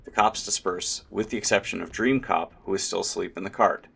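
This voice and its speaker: Deep, gravelly man reading audio description. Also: fairly quick, a bit bright. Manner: plain, neutral stage-direction reading.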